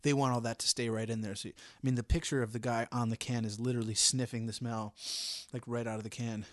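A man's voice: medium pitch, little pitch movement, fast, no echo. Wry, joking man in casual chat. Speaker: podcast co-host.

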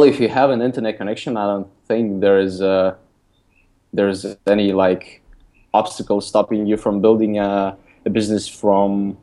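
Joining the interview remotely from abroad, this young Lithuanian app designer and author talks casually in non-native English, his fairly low voice mellow. He leans on many fillers and often starts over.

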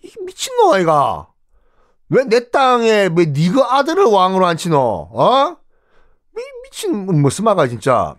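A man voicing a gruff, greedy older male pope who scolds and bosses in a Gyeongsang dialect accent. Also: high-pitched, wildly swooping pitch, a little slow, voice pushed up, heavily acted. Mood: scoffing. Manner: rough, scolding, bossy.

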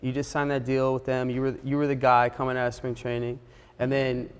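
A man's voice: mid-range voice, completely flat delivery, brisk, clear, resonant tone, in a large hall. Male podcast host asking eager questions. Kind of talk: interview questions.

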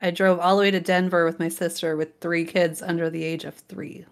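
A woman co-hosting a podcast in casual chat, asking the guest questions in a relaxed, wry way. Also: fairly low pitch, a little fast, creaky. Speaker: podcast co-host.

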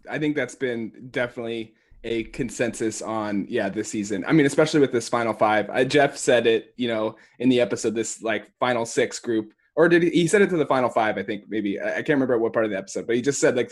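Casual, rambling male podcast host. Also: mid-range voice. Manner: halting, rambling, laid-back phrasing full of hedges and self-corrections.

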